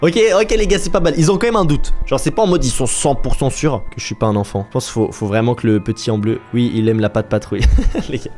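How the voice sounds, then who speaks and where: A man hosting gameplay commentary who talks straight to his viewers, gets excited easily and laughs often. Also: mid-range voice, quick pace, soft background music. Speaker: gaming YouTuber host.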